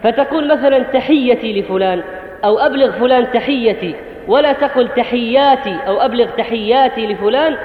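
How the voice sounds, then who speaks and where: A man's voice: very high voice, a little fast. A man preaching a sermon to the congregation, earnest and instructive, addressing the brothers directly. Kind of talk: Friday sermon. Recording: echoey hall, tinny phone-like sound.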